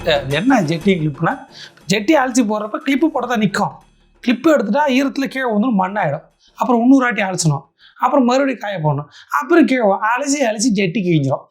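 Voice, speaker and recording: A satirical commentator, giving mocking reaction commentary in a sarcastic, theatrical way. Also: mid-range voice.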